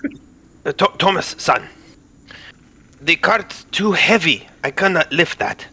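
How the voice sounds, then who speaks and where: A man playing a solemn adventurer who speaks in halting, broken phrases in a tabletop game. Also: a little high, lively intonation, pushed and bright, breathy edge, heavily acted. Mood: earnest. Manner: halting, broken grammar, earnest.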